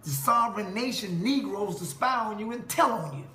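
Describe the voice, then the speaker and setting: A man's voice: high-pitched, expressive, moderate pace, pushed and bright. A man delivering an emphatic preaching monologue to a listener, quoting scripture and laughing mockingly. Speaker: self-styled preacher. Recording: echoey room with faint noise.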